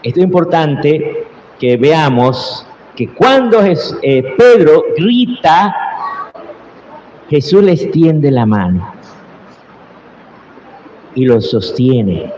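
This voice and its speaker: A man preaching a homily in a fairly high voice, taking his time over every phrase and lifting into loud cried-out prayers. The long reverb of a big church hangs on each word, with a faint room hum underneath. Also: very animated. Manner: slow, earnest preaching that swells into cried-out prayers. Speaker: priest. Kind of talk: Sunday homily. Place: large echoing church.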